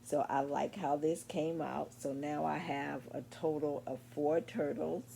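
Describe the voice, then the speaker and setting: A woman in her sixties showing her crochet work in a casual vlog at home late at night, sleepy and meandering, with many pauses and ums. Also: sits low, steady tone, gravelly, mellow, a little hiss or hum. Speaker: crochet vlogger. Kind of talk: casual show-and-tell vlog.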